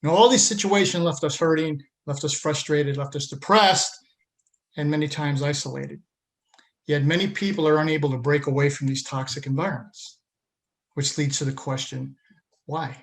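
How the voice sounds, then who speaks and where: A man hosts a podcast with an earnest, emphatic delivery. His voice sits a little high for a man. He moves from a scripted opening into a relaxed interview. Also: moderate pace. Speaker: podcast host. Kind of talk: scripted intro then interview.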